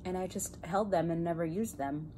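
A woman hosting a mukbang video, chatting playfully and joking between bites, sometimes dropping into soft whispery asides. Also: lowish voice, moderate pace, a little hiss or hum. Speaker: host. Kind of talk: casual mukbang chat while eating.

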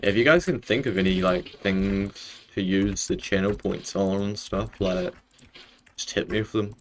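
A young man with a deep voice and a broad New Zealand accent chats casually on a game stream at normal speed, laid-back and matey, often saying "bro." He's indoors in his bedroom, with slight background noise.

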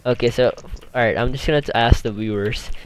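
A young man hosting a gaming video, chatting casually and quietly late at night, close to his desk mic, laughing often. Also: mid-range voice, quick pace, clear, resonant tone. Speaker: gaming channel host.

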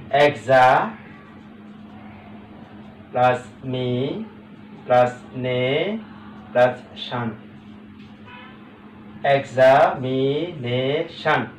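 Man teaching slowly in an echoey room. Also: medium pitch, far from the mic. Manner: spells out words slowly syllable by syllable, checks in with "ঠিক আছে?". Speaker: English teacher. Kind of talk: recorded classroom lesson. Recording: echoey room, away from the mic, faint background hum.

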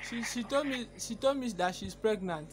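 Filmed at arm's length on a phone camera, this young man stammers hesitantly through a casual prank call. He speaks at normal speed in a voice that sits high.

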